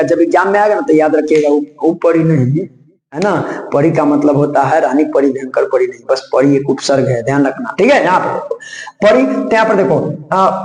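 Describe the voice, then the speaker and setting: A man's voice: on the high side, darkish tone. A male grammar teacher giving a lesson, explaining examples and urging students with moral advice, often adding tag questions and calling the listener his friend. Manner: preachy, addresses listeners as friend, frequent "है ना" tag. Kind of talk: classroom-style lesson explanation. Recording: roomy echo.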